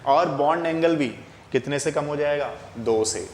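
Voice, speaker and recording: A man's voice: a little high, moderate pace, a little mellow. A man teaching a chemistry lesson in a classroom lecture style, explaining step by step and asking and answering his own questions. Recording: echoey room with faint background noise.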